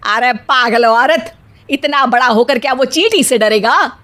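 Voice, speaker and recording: A woman's voice: high-pitched, a little slow, pushed and bright. A woman voicing a bossy, sarcastic but easily scared Indian mother-in-law in a cartoon story, with a scolding, exclamatory manner. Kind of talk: Hindi cartoon story voice acting.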